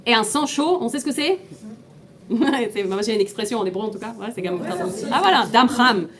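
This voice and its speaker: Woman teaching, slightly high voice. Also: fairly quick, crowd noise. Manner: explains step by step, often asking the class questions; frequent restarts and repeated words. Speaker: teacher of a Tanya class. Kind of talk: informal classroom lecture.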